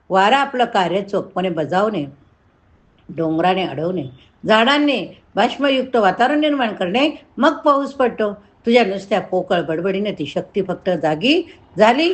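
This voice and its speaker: A woman voicing a young male ascetic who speaks gently and teasingly, then preaches earnestly. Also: medium pitch, lightly acted. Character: radiant young male ascetic, calm and wise.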